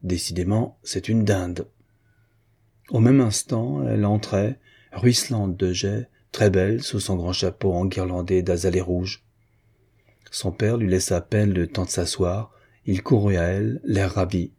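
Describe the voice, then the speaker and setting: A man reading a classic novel aloud as an audiobook narrator, in measured, even narration. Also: low-pitched, husky.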